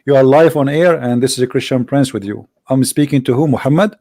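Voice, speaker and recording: A man hosts a live call-in debate show, pressing a caller by arguing insistently and repeating his phrases. His mid-range voice is warm and a little fast, with no room sound.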